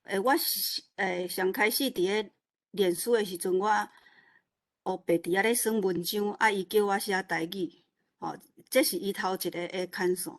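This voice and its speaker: A woman with a Taiwanese accent, the new organiser of an online literature event, introduces herself informally and modestly in an unscripted way during an online meeting. Her voice is medium-pitched and steady at a moderate pace, and she rambles and repeats words while searching for them.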